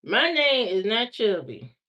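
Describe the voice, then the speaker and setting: On a slightly muffled, lo-fi stream, an Indiana woman casually chats back to viewer comments, repeating herself as she goes. Her medium-pitched voice is very animated yet slow, with a sharp tone.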